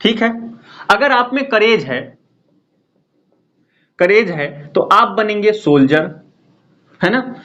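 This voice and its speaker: A man delivers an exam-prep lecture in a fairly high voice. He repeats key terms and checks in with his students often. The sound is dull and lo-fi. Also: animated, slow pace, long pauses, sharp tone. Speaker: teacher.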